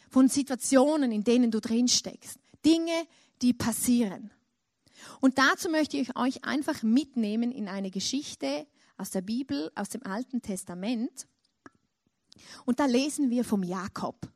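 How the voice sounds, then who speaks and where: A woman with a high voice preaches in an unhurried, deliberate way. She tells a story and climbs into dramatic emotional peaks. The sound is dry and close. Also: darkish tone, no echo. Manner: storytelling, with dramatic emotional rises into imagined cries. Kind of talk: sermon.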